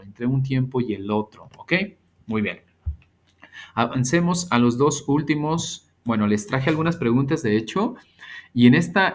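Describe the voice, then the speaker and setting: A man teaching an English grammar lesson, patiently explaining and slowly repeating example sentences. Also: medium pitch.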